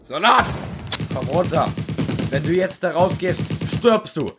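A man's voice: on the high side, animated, measured pace, loud music behind the voice, pitched above the performer's own voice. A man voicing a panicking young recruit soldier, frantic and pleading with a breaking voice. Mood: panicked.

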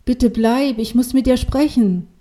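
A woman's voice: medium pitch, lively intonation, slow, mellow. A woman voicing an emotional, stubborn young woman who speaks in an agitated, sulky way.

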